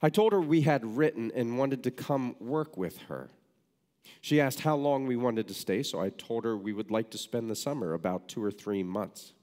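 A man preaching a sermon, reading a story aloud in a measured storytelling manner with wry asides. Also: medium pitch, darkish tone. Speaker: pastor. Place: church sanctuary. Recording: reverberant church hall.

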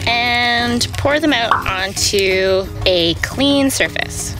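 A young woman, a farm educator, giving clear, patient step-by-step gardening instructions. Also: a little high, very slow, music in the background, poor audio. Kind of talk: instructional demonstration.

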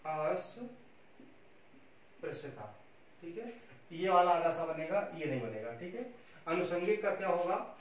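A man's voice: sits high, animated, normal speed. A man teaching Hindi spelling in a lecture, coaxing students and checking in with "okay" after nearly every point. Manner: repeats "theek hai" constantly, coaxing and instructive. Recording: very echoey room, distant mic, faint hiss.

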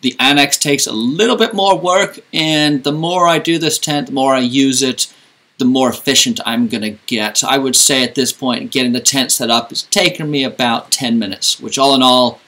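A man's voice: medium pitch, normal speed, bright, forceful tone. A man in his thirties walking through his camping gear outdoors, with dry joking asides. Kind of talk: casual gear walkthrough. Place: outdoors in a driveway and at a campsite.

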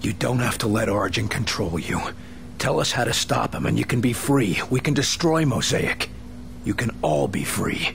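An actor playing a stern, hard-bitten field agent in a video game, terse and commanding. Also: male voice, medium pitch, normal speed, creaky, fairly bright tone, a little hiss or hum. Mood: pressing, intense. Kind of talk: video game cutscene acting.

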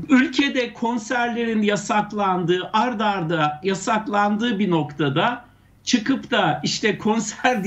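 A man with a fairly high voice gives critical news commentary. He talks haltingly, pausing and restarting, and often turns to rhetorical questions. The sound is a little dull and lo-fi. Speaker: anthropologist guest.

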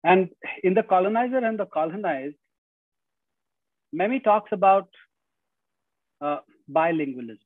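A middle-aged man with an Indian accent gives an earnest lecture as a guest speaker over a video call from a room at home, often saying "you know" and restarting phrases. His high voice is expressive, measured in pace, with frequent pauses. Using earbuds, his audio comes through dry and tinny, with no echo.

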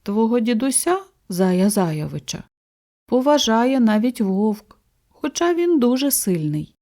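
A woman voicing a calm, dignified old male bear who advises kindly and without hurry in a children's storybook. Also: a little high. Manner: slow, unhurried and kindly advising.

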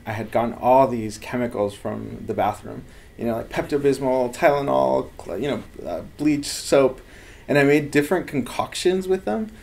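A man in his thirties from Los Angeles speaks in a casual interview, earnest and animated as he tells stories. His mid-range voice carries a gravelly, fried edge. He is seated in an office lined with bookshelves. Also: medium pitch. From Los Angeles, United States. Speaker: lab head researcher.

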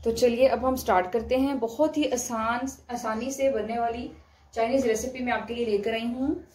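Standing at her stove, a mother of a young son talks viewers through a home dish in calm, orderly steps as she cooks for her vlog. She speaks on the high side at normal speed. A wok sizzles behind her as food is fried and stirred.

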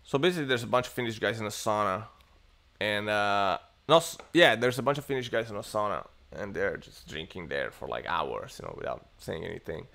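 A man in his thirties from Italy talks fairly quickly and expressively in a fairly low, gravelly voice that sounds pushed and bright. He rambles casually on a tech livestream, leaning heavily on fillers, from a bookshelf-lined home study using an earphone headset mic on webcam.

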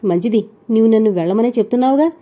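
A woman voicing a quarrelsome, short-tempered young wife who scolds fast and sharply, in an audio novel. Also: a little high, dark tone, natural voice. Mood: angry scolding. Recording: dull lo-fi recording.

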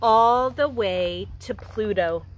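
Standing outside in front of a house, a woman in her thirties who teaches preschool reads a picture book to small children. She uses a slow, medium-pitched voice that sounds gentle and expressive.

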